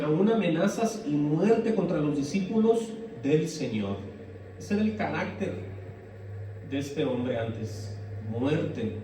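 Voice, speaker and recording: A male pastor preaches earnestly, reading verses and then talking them through. His voice sits fairly high yet sounds warm and mellow. He is heard from a distance in a strongly echoing room with faint noise behind. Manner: earnest, reads scripture aloud and explains it conversationally. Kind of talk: sermon. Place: church hall. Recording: very echoey room, voice from far off.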